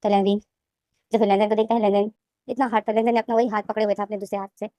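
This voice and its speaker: A woman casually retelling a fan-fiction story, talking rapidly and repeating names and phrases. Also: medium pitch, flat delivery, mellow, dry recording.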